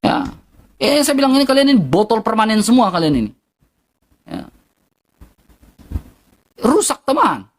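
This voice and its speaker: A woman's voice: a little high, very animated, moderate pace, pauses often. A woman with an eastern Indonesian accent, ranting heatedly and bluntly to her livestream viewers, repeating herself for emphasis.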